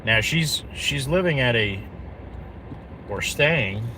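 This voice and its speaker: A middle-aged man talks off the cuff to his live-stream audience while he drives. He is blunt, drifts between thoughts and trips over his own sentences in a voice of ordinary pitch. The road and engine noise of the car hums clearly under everything he says. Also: animated, slow, bright, forceful tone, poor audio. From New Jersey. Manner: rambling, self-interrupting, blunt, answers chat viewers. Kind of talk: casual live-stream chat while driving.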